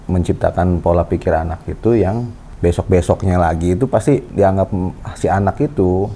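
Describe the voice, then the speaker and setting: A man in his thirties hosting a casual parenting chat with his wife, explaining in a calm, lecturing way. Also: sits low, normal speed. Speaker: host. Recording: faint background noise.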